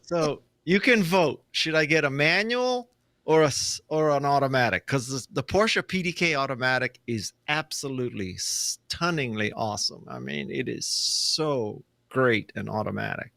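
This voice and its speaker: A man in his sixties, hosting a podcast in casual chat, animated and self-mocking with little laughs. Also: medium pitch, normal speed, creaky, no echo. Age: 60s. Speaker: podcast host.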